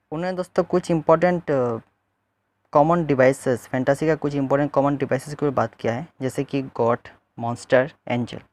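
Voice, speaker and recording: A man's voice: medium pitch, darkish tone. A man teaching literature to online viewers, addressing them as friends and repeating points with hesitant fillers. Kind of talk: explaining a book to viewers.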